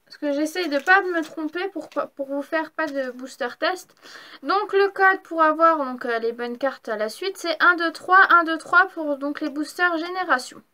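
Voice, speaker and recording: A woman's voice: high-pitched, unhurried, pushed and bright. A young woman chatting casually as she opens trading card packs, enthusiastic and gushing over each card. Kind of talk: casual unboxing vlog.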